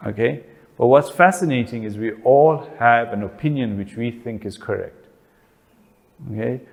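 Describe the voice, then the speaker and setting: A man's voice: mid-range voice, normal speed, gravelly. A man with a South African accent giving a talk on family relationships, often asking questions and then answering them himself. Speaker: speaker. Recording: long reverb of a hall.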